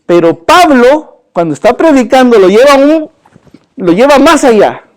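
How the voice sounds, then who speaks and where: A man teaching a church Bible class in a lively, joking way, often asking his listeners questions and calling them brother. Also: very high-pitched, moderate pace.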